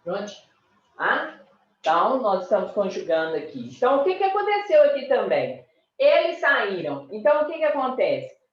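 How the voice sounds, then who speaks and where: A woman with a Brazilian Portuguese accent teaching a primary school class, speaking slowly, repeating words and stressing syllables. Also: fairly high pitch, very animated. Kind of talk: recorded class lesson. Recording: echoey room, distant mic, dull sound.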